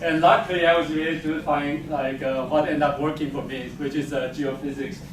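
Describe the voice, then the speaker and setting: His voice a little high and level in tone, a Taiwan-born man speaks fairly quickly in English, giving a casual faculty talk as a geophysics professor. Expect non-native grammar, self-deprecation, and frequent chuckles. The lecture hall is very echoey, the mic distant, and there's noise throughout.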